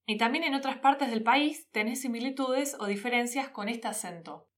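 A woman's voice: a little high, moderate pace. A woman with a Rioplatense Argentine accent, a podcast host teaching Spanish in a casual, friendly explanatory way, using informal address and local slang. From Argentina, Buenos Aires province.

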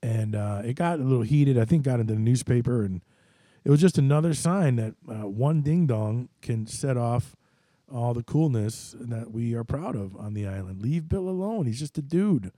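A man of middle age spins a rambling, self-deprecating story in a very dark, mellow voice. He keeps breaking into other people's voices. The sound is close and dry, with no room echo. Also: medium pitch, moderate pace. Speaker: host. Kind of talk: casual storytelling monologue.

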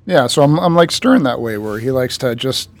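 A man's voice: medium pitch, lively intonation, moderate pace. A man hosting a podcast in loose, joking casual chat, swearing now and then. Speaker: podcast host.

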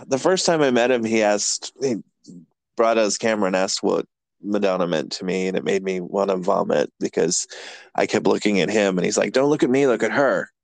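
A man's voice: on the low side, gravelly, darkish tone, no echo. A man hosting a podcast, chatting casually in a rambling, self-deprecating way and laughing often. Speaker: podcast host. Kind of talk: casual chat.

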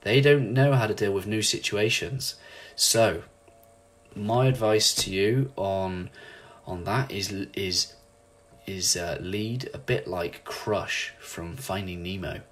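A man delivers an animated, ranting motivational monologue as a leadership coach, acting out quotes in lively voices. His voice is lowish and his pace slow.

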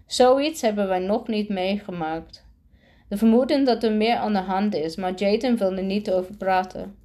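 A stern, formal woman principal in a storybook, delivering a hard decision, read out by a woman. The delivery is halting, with restarts, in a dark, mellow tone. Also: mid-range voice, close to an everyday voice. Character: stern female school principal.

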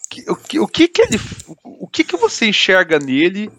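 A man's voice: high-pitched, huge pitch swings, brisk, a bit bright, no room sound. A man in casual podcast chat, talking in a heated, indignant way and filling his speech with slang.

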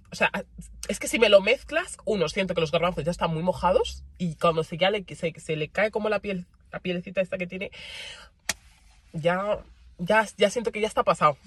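A young woman with a Spain Spanish accent chats casually to her audience, animated and quick to laugh. She repeats words for emphasis, and her voice is a little breathy. The sound is dry and close. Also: medium pitch, dry recording. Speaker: vlogger. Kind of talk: casual chat to camera.

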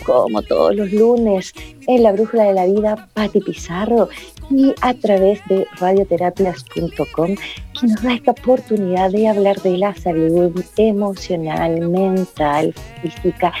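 A woman hosting a radio talk show on emotional health, speaking slowly and with effusive affection. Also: medium pitch, mellow. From Chile. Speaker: radio host.

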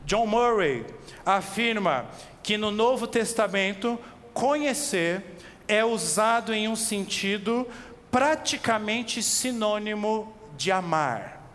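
A man with a Brazilian accent preaching an expository sermon, animated, asking his listeners direct questions and slowing down on key words. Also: sits high. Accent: Brazilian Portuguese. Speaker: pastor. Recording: long reverb with faint background noise.

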